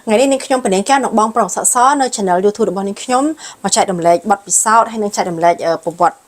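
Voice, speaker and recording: A woman from Cambodia co-hosting a channel, breaking in with quick interjections and short agreements during casual chat. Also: medium pitch. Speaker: co-host. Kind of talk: casual chat with frequent backchannel.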